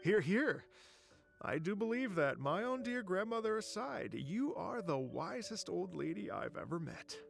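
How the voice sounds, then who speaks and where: A gravelly, jovial flatterer. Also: male voice, sits high, a little slow, soft background music, exaggerated voice. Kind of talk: game character dialogue.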